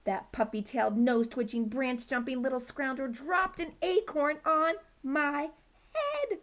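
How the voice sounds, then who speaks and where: Woman doing a loud, higher-pitched male dog, shouty and indignant, in a children's book read-aloud, slight gravel in the voice. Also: lively intonation, measured pace. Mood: furious. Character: excitable male dog obsessed with hating squirrels.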